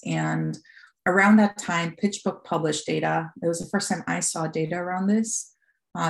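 A woman's voice: low voice, vocal fry. A woman in her forties from Costa Rica, a fund founder telling her story as a podcast guest in a candid, filler-filled way. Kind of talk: podcast interview.

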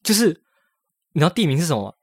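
A man chatting on a podcast, his voice a little higher than most men's. He rushes through his story with a pitch that jumps all over the place. He laughs often and mixes in English words as he goes. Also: very animated, no echo, studio quality. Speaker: podcast co-host. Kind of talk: casual storytelling chat.

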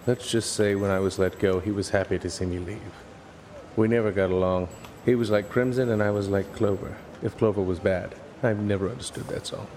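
A man narrating and voicing a private investigator in a noir audio drama, with a dry, deadpan wit. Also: on the low side, fairly quick, slight background noise.

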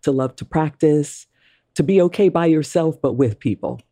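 A woman hosting an interview, musing in a measured way as she frames her questions about beginnings. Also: low voice, dark tone, dry recording, studio quality. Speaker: interview host. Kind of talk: conversational interview.

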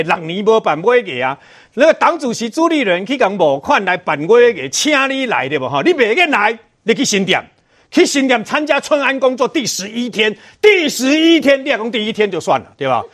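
A man with a Taiwanese accent and a voice that sits high comments on politics on a talk show. He's animated and scolding, firing off rhetorical questions.

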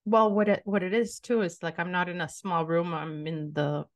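A woman's voice: fairly low pitch, fairly even intonation, moderate pace, far from the mic. A middle-aged woman chatting casually on a podcast, her voice hollow and tinny as if inside a metal tank, recorded off-mic in a big open room. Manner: chatty, rambling, laughs easily. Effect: hollow, tinny sound like inside a metal tank. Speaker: podcast guest, the host's mother. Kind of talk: casual family chat. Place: large open great room in a house. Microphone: podcast mic, not spoken into closely.

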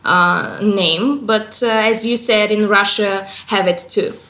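A young woman from Bulgaria with a Bulgarian accent, speaking English as a second language in a casual interview, often pausing to search for words. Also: medium pitch, sharp tone. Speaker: guest singer-songwriter. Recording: roomy echo.

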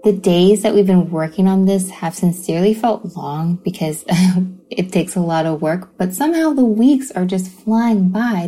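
Female podcast host, lowish mellow voice, encouraging and conversational, recorded in a small home bathroom. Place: small apartment bathroom, indoors.

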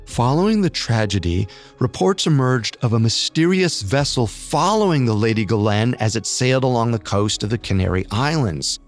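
A man co-hosting a podcast, reading scripted true-crime narration with measured storytelling delivery. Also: medium pitch, lively intonation, faint music behind. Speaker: podcast co-host.

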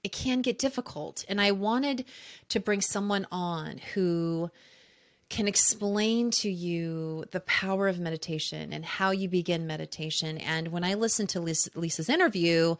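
A woman's voice: fairly low pitch, a little slow. A woman hosting a love coaching podcast, speaking intimately to her listeners in a gushing way and leaning on key words. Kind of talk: podcast intro and promotion, addressing listeners intimately.

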